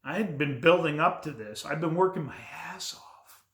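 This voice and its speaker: A man's voice: on the high side, moderate pace, a bit bright. A middle-aged man talking candidly and bluntly to camera as a men's coach, reflecting casually and often restarting his sentences. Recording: roomy echo.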